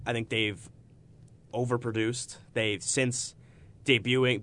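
A man's voice: fairly low pitch, a bit bright. A man hosting a podcast with casual, enthusiastic and emphatic sports talk. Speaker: podcast host.

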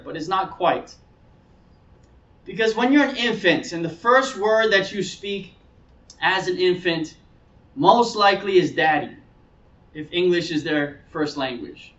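A high-pitched male pastor preaches an earnest, explanatory sermon in a conversational way, restating key phrases to drive them home. Recorded far from the mic in a roomy space, the sound is slightly dull, reverberant and a bit bright.

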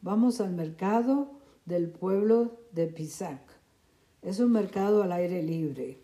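A woman voicing a calm, cheerful middle-aged mother who speaks soothingly, in a storybook reading. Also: lowish voice, slow. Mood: reassuring. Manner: soothing, reassuring.

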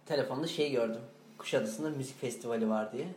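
A man's voice: medium pitch, fast talker, a little mellow. A man co-hosting a comedy podcast, chatting playfully and laughing at his own mix-ups in a cramped room. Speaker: podcast co-host. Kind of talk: casual comedic chat. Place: cramped, stuffy small room. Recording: echoey room with faint background hiss.

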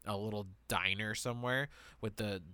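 A man's voice: on the low side, steady tone, normal speed, bright, forceful tone, smooth, dry recording. A man co-hosting a podcast, chatting casually and griping emphatically about food. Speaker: podcast co-host. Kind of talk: casual chat.

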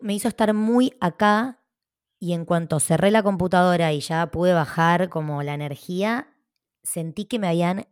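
A woman's voice: on the low side, clear, resonant tone, no room sound, clean studio sound. A woman with an Argentine accent, a podcast co-host telling a personal story in casual, frank talk, swearing now and then. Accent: Argentine Spanish.

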